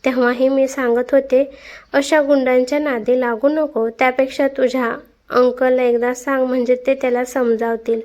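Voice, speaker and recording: A woman's voice: high voice, flat delivery, normal speed, a little mellow, lightly acted. A woman voicing a caring young woman roommate who asks soothing, concerned questions.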